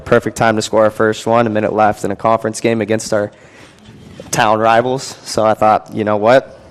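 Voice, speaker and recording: Man, young, college athlete, relaxed, low voice, flat delivery. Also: moderate pace, clean tone. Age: young adult. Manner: relaxed, easygoing, says man. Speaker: college soccer player guest. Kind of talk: casual interview answers.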